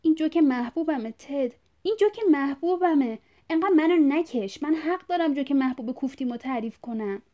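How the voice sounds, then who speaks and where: A woman's voice: high voice, lively intonation, hardly any pauses, lo-fi sound, pitched above the performer's own voice. A woman reading a story aloud, voicing a confused, bleeding old father who rambles and repeats himself insistently. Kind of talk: audiobook reading.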